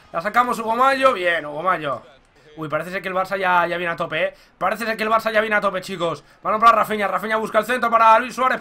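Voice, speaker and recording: A young man from commentating his own football video game match, talking to viewers and shouting at goals. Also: sits high. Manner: excitable, shouts at goals, addresses viewers as "chicos". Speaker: gaming YouTuber.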